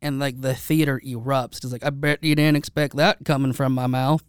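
A man's voice: mid-range voice, flat delivery, moderate pace, clear, resonant tone, no echo, clean studio sound. A man hosting a podcast, talking casually with many restarts and fillers. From United States. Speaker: podcast host. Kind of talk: casual chat. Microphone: studio microphone.

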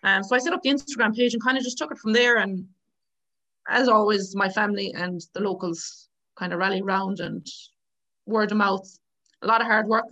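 A woman's voice: mid-range voice, fairly quick, sharp tone, rough recording. A woman in her thirties with a west of Ireland accent, telling her story informally as an interview guest. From Galway, Ireland. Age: 30s. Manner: informal, chatty, often quoting past exchanges.

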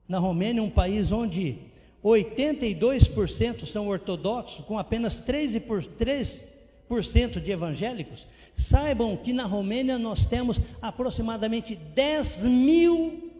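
A man preaching a missionary sermon with animated, repetitive emphasis. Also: extremely high pitch. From São Paulo state, Brazil. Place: church sanctuary. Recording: long church reverb.

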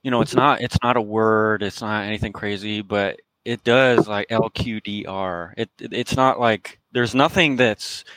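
A man with a lowish voice talks loosely and jokes around, padding his thoughts with fillers. The sound is dry and close. He could be any co-host in a casual podcast chat. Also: steady tone, normal speed, few pauses, fairly bright tone, dry recording, low-quality recording. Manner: rambling, joking, many fillers.

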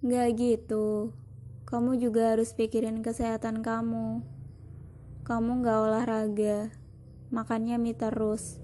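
A caring, worried friend who checks in and scolds gently, voiced by a woman reader. The voice is slow and mellow, slightly high, with faint music underneath. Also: slight background noise, lightly acted.

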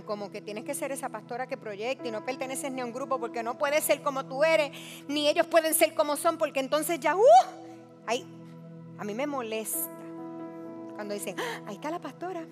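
Earnest woman pastor over soft music. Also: high voice. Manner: earnest, confessional, acts out quoted dialogue. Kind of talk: personal testimony sermon. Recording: music playing behind her.

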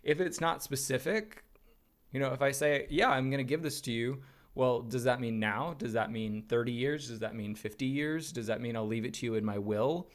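A man in his thirties chats casually as a podcast co-host, spinning his points out in an animated, storytelling way. His voice sits at an ordinary middle pitch. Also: normal speed. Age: 30s. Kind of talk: casual chat.

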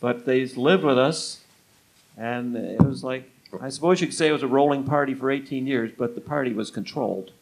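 A man's voice: medium pitch, moderate pace, husky, low-quality recording. Older man telling rambling anecdotes. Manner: rambling, conversational, voices quoted speech in stories. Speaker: interview guest, retired music club booker. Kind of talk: anecdotal storytelling in an interview.

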